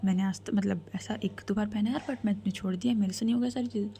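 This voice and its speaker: A woman's voice: mid-range voice, fairly even intonation, very fast, mellow, lightly acted. Anya, a stubborn teasing young woman, whispered role-play, voiced by a woman. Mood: protesting. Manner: protesting, playful.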